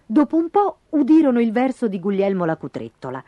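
A woman reading a fairy tale aloud in a lively, expressive storytelling manner. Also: on the high side, a little fast, no echo. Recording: dull lo-fi with faint music.

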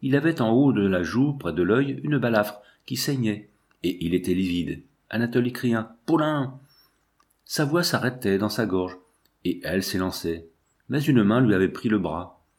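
A man reading a novel aloud in a measured, dramatic narration. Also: lowish voice. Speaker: audiobook narrator. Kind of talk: scripted literary narration.

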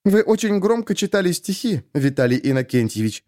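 Furious female lieutenant, high sharp scolding, voiced by a male narrator. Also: very animated, a little fast. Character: angry young woman police lieutenant, stern. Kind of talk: audiobook character voice.

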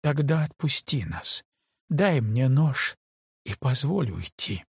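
A man's voice: medium pitch, sing-song, slow pace, breathy edge, dry recording, clean studio sound, heavily acted. A man voicing a desperate pregnant young woman who pleads and cries out in an audiobook. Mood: pleading. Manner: pleading, breaking into shouts.

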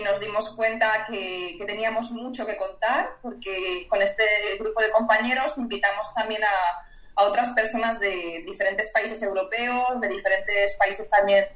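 Woman, bright and steady, talking in an echoey room; reflective, explaining. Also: mid-range voice. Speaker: social integrator, co-founder. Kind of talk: explaining in a radio conversation.

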